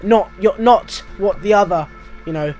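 High-voiced British guy rambling over gameplay. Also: unhurried, darkish tone, faint music behind. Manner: rambling, self-mocking, chatty. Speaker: gaming walkthrough host. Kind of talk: casual game commentary.

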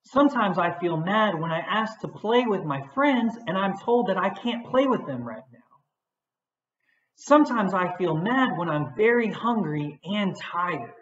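A woman voicing Cloud, a gentle young male cloud plush toy, in a plain, earnest way, on an echoey, dull recording. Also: mid-range voice, animated, measured pace, lightly acted.

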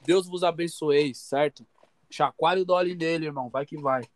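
A man's voice: on the high side, moderate pace, a little hiss or hum. A man, hosting a rap battle on a video call in casual slang. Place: small room at home.

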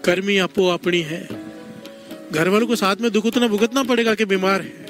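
High pitched guy preaching a story sermon, slow deliberate delivery, keeps getting the crowd to call back. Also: fairly even intonation, music in the background. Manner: call-and-response preaching, leads the congregation in responses.

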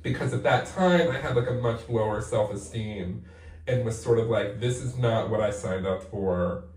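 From a bathtub in an echoey bathroom, a forties-aged playwright speaks in a candid, thoughtful interview, leaning heavily on "like" as a filler. His voice is on the low side and darkish in tone, at a normal speed, recorded by a camera at a distance.

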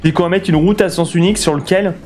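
A young man from France giving lively, swear-filled commentary while building roads in a city game and answering his chat. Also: high-pitched, fast talker. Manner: excitable, swears a lot, talks to chat. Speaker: streamer. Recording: faint guitar music behind.

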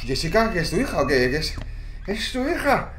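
A man's voice: high voice, sing-song, moderate pace, a little hiss or hum. A man commentating a horror game, panicky and swearing. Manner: panicky, swearing, shouting in fright. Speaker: gamer. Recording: echoey room.

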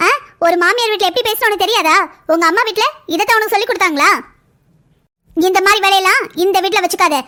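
A voice actor playing a domineering, sharp-tongued mother-in-law in a cartoon, scolding fast. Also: extremely high pitch. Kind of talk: cartoon voice acting.

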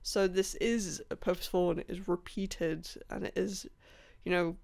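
A woman chatting casually about books she has read, rambling with many ums, apologizing and laughing softly, her voice a bit rough. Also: lowish voice, steady tone, moderate pace. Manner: apologetic, laughs between points. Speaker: book vlogger. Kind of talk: casual book review chat.

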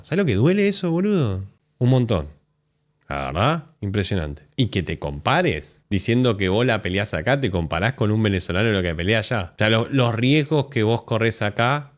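A man with an Argentine accent, hosting a live stream and reacting to clips in blunt, sarcastic, profanity-heavy commentary. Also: on the low side. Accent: Argentine Spanish. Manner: blunt, sarcastic, swears often.

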